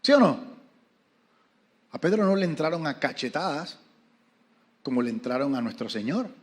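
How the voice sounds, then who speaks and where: Panamanian pastor preaching with dramatic flair. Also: male voice, a little high, big pitch swings, moderate pace. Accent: Panamanian Spanish. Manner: dramatic storytelling, asks the audience questions. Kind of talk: sermon.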